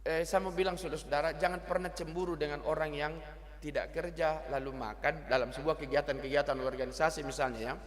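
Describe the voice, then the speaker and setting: A middle-aged male pastor preaches in a high voice. He is lively and teasing, and mixes local words into his sermon. The sound carries a long church reverb. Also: fast talker.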